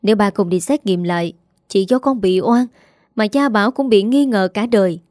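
A woman's voice: medium pitch, a little fast, dark tone, no room sound, clean studio sound, lightly acted. A woman reading a storybook part of a stern older father who scolds curtly. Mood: scolding. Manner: scolding, curt.

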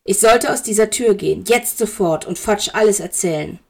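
A woman reading a bitter, furious male wizard teacher in a fan fiction audiobook, with a sharp, accusing delivery. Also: mid-range voice, normal speed, creaky. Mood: angry.

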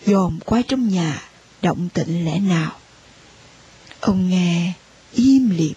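A woman reading a story aloud in an even, unhurried narration. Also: medium pitch, breathy edge. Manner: slow, even storytelling with voiced dialogue.

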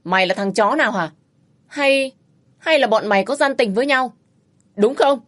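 A woman shouting as a foul-mouthed abusive husband. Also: low-pitched, expressive, fast, husky, no room sound, exaggerated voice. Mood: shouting abuse. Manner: shouting, cursing, bullying.

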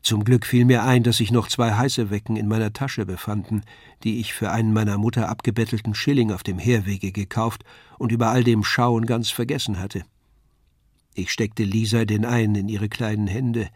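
A man calmly reading a classic novella aloud. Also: lowish voice, normal speed, no room sound, clean studio sound. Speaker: reader. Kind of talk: scripted narration of a novella.

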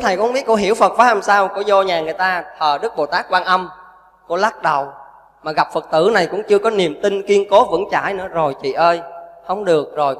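A man's voice: high-pitched, in a large hall. A man, a Buddhist monk giving a storytelling sermon and acting out the people he quotes. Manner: storytelling, acts out quoted voices, animated.

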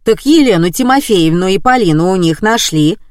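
Storybook role: woman reader playing a loud, tactless old neighbour woman, blunt and gossipy. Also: medium pitch, lively intonation, moderate pace, no room sound, studio quality, natural voice. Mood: bossy.

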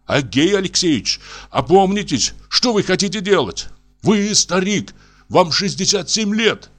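A man voicing a prim, fussy country doctor who pleads and reproaches in a high, strained voice. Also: sing-song, unhurried, fairly bright tone, soft background music, heavily acted. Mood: pleading.

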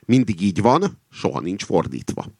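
A man voicing an anxious, conspiratorial male rooster in a fable reading, often hushed and whispering. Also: sits low, very animated, gravelly, slightly rough, dry recording, voice pushed up, heavily acted. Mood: earnest. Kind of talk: acted reading of a satirical fable.

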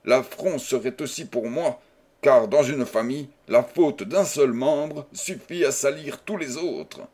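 A man's voice: medium pitch, measured pace, darkish tone, pitched above the performer's own voice, natural voice. Man voicing a solemn old baron, stern and reproachful.

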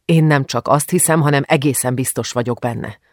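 Brief: male reader doing a protective, commanding father, gruff rumble, dry close sound. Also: dry recording, lightly acted. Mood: stern. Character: stern, angry middle-aged father, protective.

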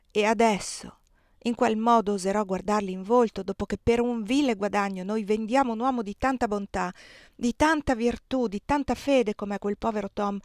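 A woman's voice: mid-range voice, a little mellow, dry recording, natural voice. A woman voicing a devout middle-aged plantation mistress, speaking with raised, impassioned, pleading force, in a dry recording.

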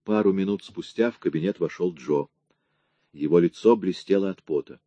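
A man reading a crime novel aloud in a steady storytelling manner. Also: low-pitched, normal speed, no echo. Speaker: audiobook reader. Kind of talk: scripted audiobook narration.

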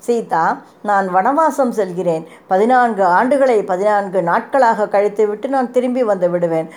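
A woman's voice: medium pitch, moderate pace, a little mellow, close to an everyday voice. A woman voicing Rama, a noble prince, speaking tenderly and consolingly in a storybook reading.

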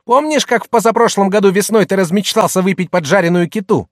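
A man reading an audiobook, voicing a middle-aged merchant's wife who mocks and shouts at her husband. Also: high-pitched, fast talker, dry recording, studio quality, natural voice. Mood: shouting. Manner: loud, mocking, hectoring.

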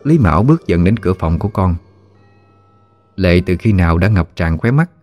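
Deep-voiced male storyteller. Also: soft background music. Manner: calm, measured storytelling. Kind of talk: scripted story narration.

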